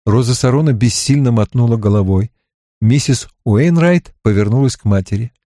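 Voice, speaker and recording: A man narrating a novel as an audiobook in an expressive, measured reading. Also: mid-range voice, no echo, studio quality.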